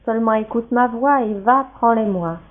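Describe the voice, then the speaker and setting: A woman reading the part of a scheming mother in a scripture reading, in an insistent, measured way. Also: on the high side, natural voice. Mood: urging. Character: Rebecca, scheming mother urging her son. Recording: tinny phone-like sound.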